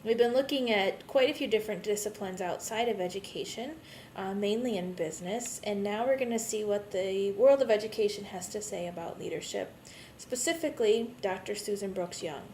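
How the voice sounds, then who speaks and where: A slightly tired, jet-lagged woman speaks briskly with a somewhat mellow tone, rambling conversationally as she records an informal video update for the online students in her course. A rumbly noise runs in the background.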